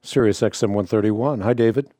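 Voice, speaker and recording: A native Dutch speaker from the Netherlands, with no accent, hosts a call-in radio show where he answers Bible questions in a measured, explanatory way. His voice is on the low side and dark in tone, with no echo.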